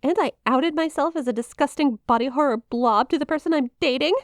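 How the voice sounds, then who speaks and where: In an intimate ASMR roleplay, a woman plays a shy, playful young eldritch monster classmate, teasing yet hesitant and stammering when flustered, in a one-sided conversation. Her natural voice is high-pitched and fairly quick, recorded with studio quality and no room sound.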